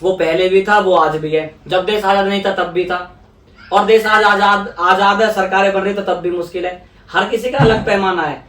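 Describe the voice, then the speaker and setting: An earnest young Indian politician explains his points in a conversational interview, repeating phrases to stress them. His higher, somewhat bright voice is steady at a moderate pace, captured from a distance in an echoey room.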